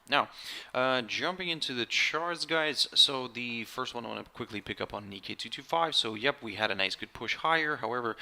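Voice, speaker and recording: A man hosting a live market webinar, talking casually to viewers with many fillers, a little hoarse and clearing his throat now and then. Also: lowish voice, sharp tone.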